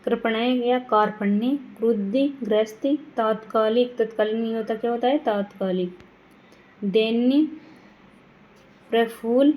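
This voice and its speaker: A woman teaching a grammar lesson, reading words one by one and adding quick reminders to her students. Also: fairly high pitch, fairly even intonation, a little mellow, rough recording. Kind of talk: classroom lesson reading word lists.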